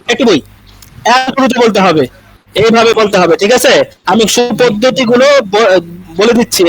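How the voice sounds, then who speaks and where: A man's voice: high voice, poor audio. A man teaching an Arabic class over a video call, drilling words and often checking in with his students. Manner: repetitive drilling, frequent "thik ache". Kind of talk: online class instruction.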